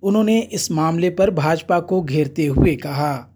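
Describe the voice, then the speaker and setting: A news anchor reading a formal political news report in steady, measured Hindi newsreading. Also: mid-range voice, husky. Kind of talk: scripted news narration.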